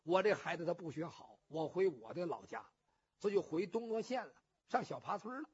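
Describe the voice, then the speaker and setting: A stern old mother speaks gravely and evenly, as a male storyteller puts her on, in a husky voice. The recording is muffled and lo-fi. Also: high-pitched, sing-song, brisk, darkish tone, voice pushed down, exaggerated voice. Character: stern elderly mother, worried and firm.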